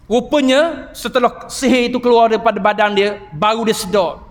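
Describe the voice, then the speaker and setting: A man preaching an evening mosque sermon, telling stories with animated emphasis and exclamations. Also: extremely high pitch, moderate pace. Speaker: Islamic preacher and healer. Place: large mosque. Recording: reverberant mosque hall.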